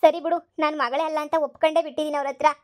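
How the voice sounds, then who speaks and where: A woman's voice: sits high, steady tone, rapid-fire, lightly acted. A woman voicing a scheming young fake daughter who pleads tearfully. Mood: complaining. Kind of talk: cartoon voice acting.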